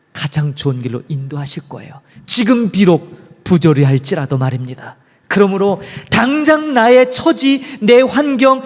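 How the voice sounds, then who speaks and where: Male pastor, sermon, big pitch swings, soft whispers to loud calls, church with long echo. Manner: animated preaching, swings from loud exclamations to hushed whispers. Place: church sanctuary. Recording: long hall reverb.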